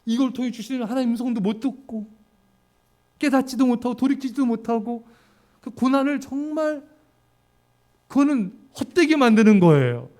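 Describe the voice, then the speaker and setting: A man's voice: extremely high pitch, expressive, normal speed, pauses often, a little mellow. A male pastor preaching at a church service, emphatic and often asking the congregation questions directly. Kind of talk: sermon.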